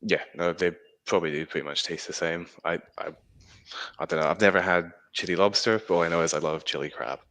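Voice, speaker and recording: Low bright-voiced guest from Singapore. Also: male voice, fairly even intonation, fast. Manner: thoughtful, hesitant, repeats words. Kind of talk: casual chat.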